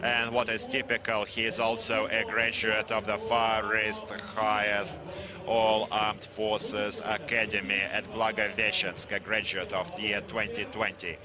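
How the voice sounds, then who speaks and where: A man giving live sports commentary on a tank competition in formal, halting English. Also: fairly low pitch, completely flat delivery, crowd noise.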